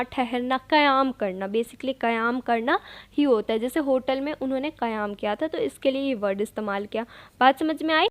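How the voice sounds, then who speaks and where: A woman teacher going through exam questions one by one, patiently explaining and repeating each answer. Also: high voice. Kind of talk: exam revision lesson.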